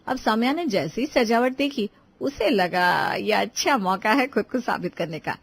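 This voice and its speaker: A woman narrating a cartoon family story in an expressive storytelling manner. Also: medium pitch, moderate pace, gravelly, husky.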